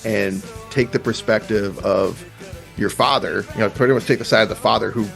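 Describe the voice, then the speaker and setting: A man hosting a podcast, talking about an album in a relaxed, chatty, self-deprecating way. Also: on the low side, moderate pace, creaky, faint music behind. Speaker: podcast host. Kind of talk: casual chat about music.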